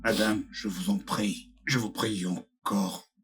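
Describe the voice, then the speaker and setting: A man's voice: on the low side, fairly even intonation, slow, a bit bright. A pleading, contrite father. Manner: pleading, apologetic. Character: contrite middle-aged father begging forgiveness. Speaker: father apologizing for his son. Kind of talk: dubbed film acting.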